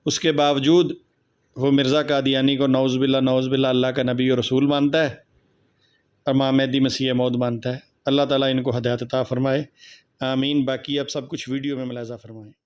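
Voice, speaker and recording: A mid-pitched man earnestly explains and introduces a video for his channel. The recording is dull and lo-fi. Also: level tone, fairly quick, clear, resonant tone.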